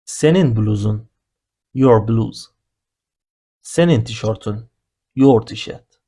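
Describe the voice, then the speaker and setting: A man's voice: fairly low pitch, takes it slowly, mellow, husky. A man teaching beginner grammar, explaining the rules patiently one step at a time. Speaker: language teacher. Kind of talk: slow explanatory lesson narration.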